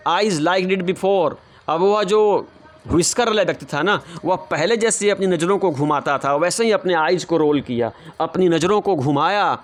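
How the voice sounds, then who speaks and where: A male English teacher explaining a story line by line in Hindi, often speaking directly to the children. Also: high-pitched. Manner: translates line by line, addresses children.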